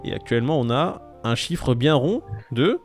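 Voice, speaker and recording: A young man hosting a casual crypto news chat, relaxed and jokey as he leads the rundown. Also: mid-range voice, normal speed. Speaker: host. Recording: faint music behind.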